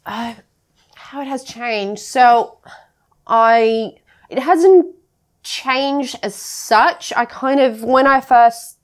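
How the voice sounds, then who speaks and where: A woman's voice: a little high, very slow. A woman from Latvia, a guest in a podcast studio, chatting casually with many fillers and restarts and frequent laughs. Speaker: guest, freelance graphic designer. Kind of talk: casual interview chat.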